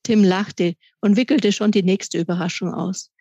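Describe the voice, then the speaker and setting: A woman author reading aloud from her children's book in calm, measured storytelling. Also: mid-range voice, no echo. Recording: dry, slightly dull recording.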